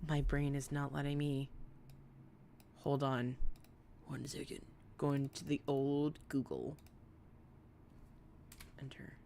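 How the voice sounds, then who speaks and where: A woman with a speech impediment that turns her R's toward W, chatting casually and excitably to viewers as a livestream host, in a rambling, giggly way. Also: a bass voice, takes it slowly, gravelly, pauses often, a little hiss or hum. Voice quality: speech impediment, weak R sounds like W. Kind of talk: casual live chat with viewers.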